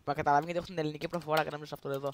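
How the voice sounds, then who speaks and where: A man from Greece streaming a game, quietly mumbling and rambling to himself as he sets up a character. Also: on the high side, level tone. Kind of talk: casual gameplay commentary.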